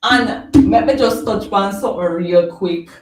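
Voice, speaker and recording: A Jamaican host chatting casually on a live stream, reading viewer comments and drifting between topics, often repeating words. The voice sits at a middling pitch. It sounds roomy and a little distant, as if the speaker is sitting back from the mic. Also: a little slow.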